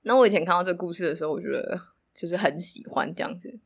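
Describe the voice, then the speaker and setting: A woman's voice: on the low side, quick pace, vocal fry, husky. A woman podcast host telling a story in an informal, conversational way.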